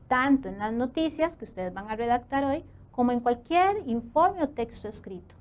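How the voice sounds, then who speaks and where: A Costa Rican woman teaching a Spanish lesson for television. Her voice sits fairly high, and she keeps drawing her young viewers in with questions to the class. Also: slight background noise. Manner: asks students rhetorical questions, warm classroom tone.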